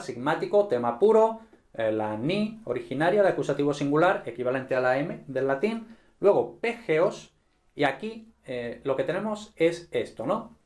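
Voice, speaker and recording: A man teaching a grammar lesson at a board, relaxed and checking in often with his listeners. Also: on the high side. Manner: relaxed, frequent "¿vale?" and "¿no?" check-ins.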